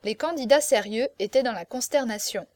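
A woman narrating a classic novel as an audiobook in a steady, expressive storytelling voice. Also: fairly high pitch, fairly quick, no echo.

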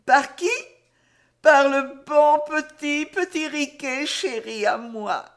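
A woman's voice: high-pitched, slow. A woman voicing a teasing, playful young woman who adores her anxious lover, in an audiobook reading. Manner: teasing, playful, mock-exasperated.

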